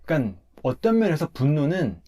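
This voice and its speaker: A man, a pastor, talking through a Bible passage in a relaxed conversational way, emphatic as he explains step by step. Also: fairly high pitch, brisk.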